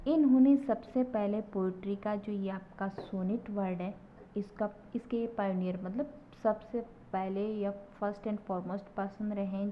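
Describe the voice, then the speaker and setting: A woman teacher slowly explaining poetry to a class, repeating key terms and often checking "okay?". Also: mid-range voice. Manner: slow, repetitive explaining with frequent checks of "ठीक है". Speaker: English literature teacher. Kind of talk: classroom lecture. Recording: dull lo-fi recording with faint noise.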